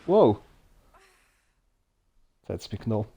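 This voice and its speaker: A man's voice: medium pitch, a little slow, muffled recording. A man with a Bernese Swiss German accent, giving casual commentary as he plays a game. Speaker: let's play host. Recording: clear noise behind the voice. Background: video game noise.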